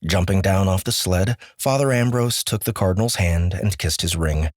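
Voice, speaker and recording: A man narrating an audiobook with measured, steady storytelling. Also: low voice, no room sound, clean studio sound. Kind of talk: scripted narration.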